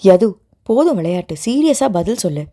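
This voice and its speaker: A woman's voice: mid-range voice, very animated, normal speed. Woman voicing a fiery college girl scolding her friend. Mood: worried. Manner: sharp and scolding. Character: hot-tempered young woman college student, fiercely loyal.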